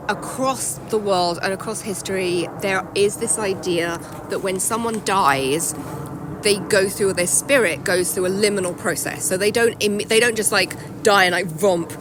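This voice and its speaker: A woman's voice: medium pitch, noisy background. Breathless woman walking and talking. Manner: thoughtful, explanatory, quick to laugh. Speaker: author guest. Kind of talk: casual interview walking outdoors. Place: outdoors in a cemetery, traffic nearby.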